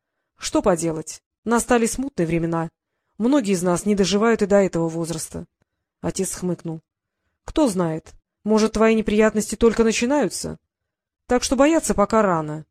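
A woman's voice: medium pitch, animated, moderate pace, a little mellow, dry recording, studio quality, lightly acted. Woman reading as a cold, sneering stern father. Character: cold, mocking stern father, middle-aged man. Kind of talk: audiobook character reading.

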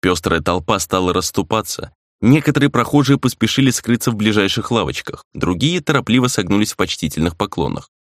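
Brief: male audiobook narrator, deep tone, dry close sound. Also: expressive, a little fast, no room sound.

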